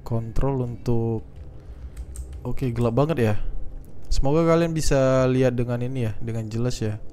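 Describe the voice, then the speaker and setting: A young man, a gaming YouTuber, casually talking through a let's-play in a relaxed, chatty way, thinking aloud with lots of fillers. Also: mid-range voice, normal speed, slight background noise.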